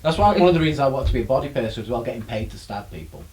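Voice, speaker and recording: Man, podcast co-host, teasing and swearing, lively up-and-down voice. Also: mid-range voice, racing, low-quality recording. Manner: joking, teasing, profane. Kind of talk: casual banter.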